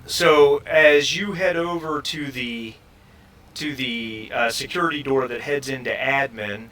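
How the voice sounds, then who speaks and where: A man serving as game master narrates a tabletop role-playing game haltingly, searching for words as he describes scenes. His voice is mid-range and a bit bright.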